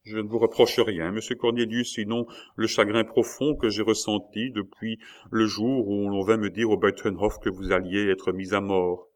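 A man reading an audiobook who voices a tender, hurt young woman in a raised, emotional pitch. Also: flat delivery, normal speed, lightly acted. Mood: tearful.

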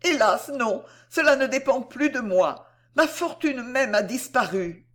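A distressed, virtuous young heiress answers in soft, earnest, pained phrases, as a woman reads her. The storybook voice sits a little higher and swings widely in pitch. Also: lively intonation, unhurried. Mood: anguished. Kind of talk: audiobook character reading.

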